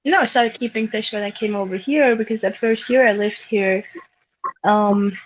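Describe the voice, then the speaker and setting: A young Swiss woman with a fairly high voice, speaking at a moderate pace, is a guest on a casual podcast. She tells stories in a chatty way and laughs often. The recording has dull lo-fi sound and slight background noise.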